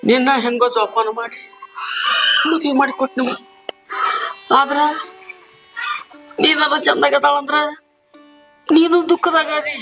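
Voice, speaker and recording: A man's voice: very high voice, fairly even intonation, unhurried, vocal fry, long pauses, pushed and bright, faint music behind, exaggerated voice. A man with a North Karnataka Kannada accent plays a caring older brother who works as a poor laborer. He speaks in an earnest, pleading way, asking the same questions again and again. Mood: anxious. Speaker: actor in a short film. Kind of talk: village family drama acting.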